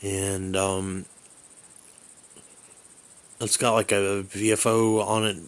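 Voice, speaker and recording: In a small bedroom, a man who tinkers with amateur radio reviews some gear off the cuff, rambling and hesitating as he hunts for words. His voice sits low, with little rise and fall, and he speaks slowly and smoothly.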